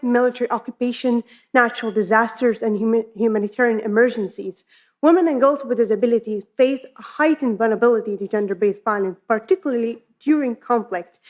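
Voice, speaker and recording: A young woman from Palestine, a PhD researcher, giving an earnest academic conference presentation and listing her points deliberately. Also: a little high.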